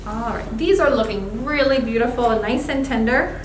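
A woman's voice: on the high side, moderate pace, a little hiss or hum. A young woman giving an upbeat, step-by-step cooking demonstration at a demo kitchen set. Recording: roomy distant mic with music.

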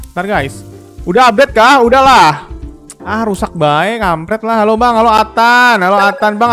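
A man with a high voice chats casually through a live game stream. He keeps repeating his questions to chat and thanking viewers, while faint game music plays underneath. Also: fairly bright tone.

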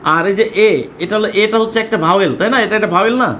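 A man's voice: high voice, quick pace, fairly bright tone, slight background noise. A man with a Bangladeshi accent teaching an English grammar class, asking questions and repeating words as he drills students.

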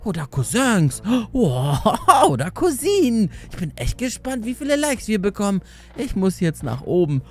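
A young man doing excited let's-play commentary as a gaming YouTuber, talking straight to his viewers with lots of exclamations. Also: high-pitched, moderate pace. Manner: animated, exclamatory, addresses viewers directly.

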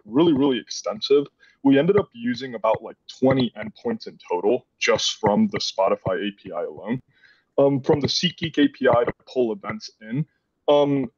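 A man's voice: mid-range voice, darkish tone, slightly rough, no echo. A man in his twenties from the Dominican Republic, presenting a student project on a video call in a casual way, with lots of "like" fillers. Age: 20s. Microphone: headset on a video call. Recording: dull, distant video call audio.

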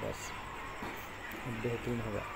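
This man's voice is lowish and level, and he takes it slowly. Making a fishing tutorial, he casually explains step by step how to tie fishing hooks while he works, speaking plainly and instructively as he ties knots. Insects buzz clearly in the background.

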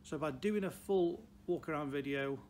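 His voice is fairly high and a little mellow, at normal speed, as this sixty-something car dealer gives plain, unscripted advice to camera. He is from Stoke-on-Trent, England, speaks with a Potteries accent, and repeats phrases for emphasis. Showroom ambience is clearly heard around him in the large indoor space.

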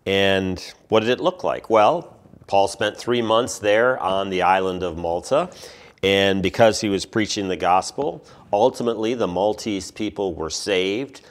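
Low-voiced male pastor preaching. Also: a little slow. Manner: relaxed conversational preaching. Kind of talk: sermon.

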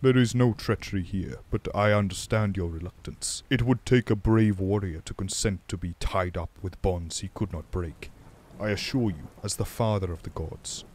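A commanding, cunning old chief god in a myth told aloud, voiced by a male storyteller. He speaks low and measured, with a stern, slightly raised voice. He sounds sure of his authority. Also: a little mellow.

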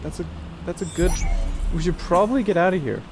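A man chatting casually while playing a multiplayer game, excitable and directing the group. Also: sits high, a little fast, music in the background. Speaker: gamer. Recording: noisy game audio behind voice.

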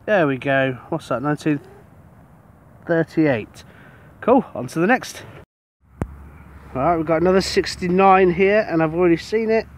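A British man, a metal detectorist, giving casual commentary to the camera outdoors on a beach as he digs up each find and gets excited about it. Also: on the high side, moderate pace, pauses often, a little hiss or hum.

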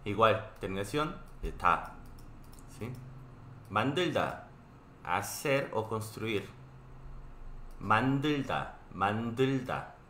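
A man's voice: lowish voice, animated, takes it slowly, long pauses, pushed and bright, roomy sound, slight background noise. A man with a Korean accent teaching a live online Korean class, explaining patiently and checking in often with his students.

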